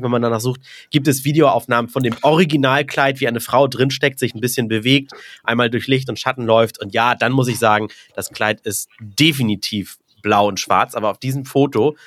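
A man's voice: medium pitch, a bit bright, dry recording. A man co-hosting a casual podcast chat, explaining things at length with many fillers and hedges. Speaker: podcast co-host.

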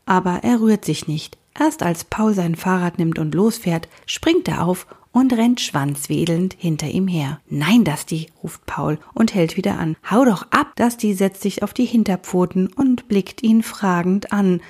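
Female audiobook reader, husky tone, calm even delivery. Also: lowish voice, a little slow, hardly any pauses. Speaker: narrator. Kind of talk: audiobook story reading.

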